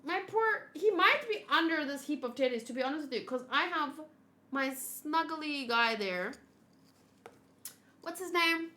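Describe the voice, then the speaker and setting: Unboxing plush gifts on her gaming channel's livestream, this thirty-year-old streamer rambles along in a gushing, cutesy, casual manner. She speaks at a measured pace in a high, expressive voice with a sharp edge.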